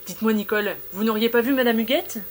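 Worried carer, played by a woman for radio drama. Polite, colloquial, slightly high voice, light noise behind. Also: quick pace, lightly acted.

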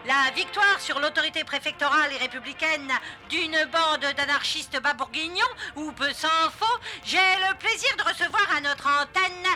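A woman's voice: extremely high pitch, bright, forceful tone. A woman hosting a comic radio sketch, fussy and flustered, deferring to her boss. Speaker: radio show host. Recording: faint music under the voice.

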